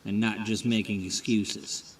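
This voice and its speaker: A man's voice: fairly low pitch, little pitch movement, unhurried, distant mic. A man voicing an impatient, demanding woman client in a life-sim game story.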